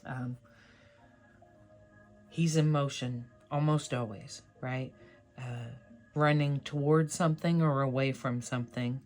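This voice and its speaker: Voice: mid-range voice, fairly even intonation, takes it slowly, long pauses, faint music behind. A tarot card reader hosting a casual pick-a-card reading, speaking to viewers in an encouraging, affirming and conversational way.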